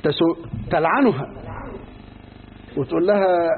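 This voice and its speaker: A man's voice: on the high side, unhurried. A man with an Egyptian accent teaching a religious lesson, telling stories with everyday asides and acting out the dialogue. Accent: Egyptian Arabic. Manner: lively storyteller, acts out dialogues in everyday speech. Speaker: Islamic preacher teaching a lesson. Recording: tinny lo-fi recording with faint hiss.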